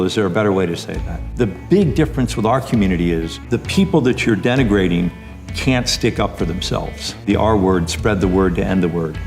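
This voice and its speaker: A middle-aged man with a lowish voice presents a documentary piece, mixing narration with personal reflection as a parent advocate.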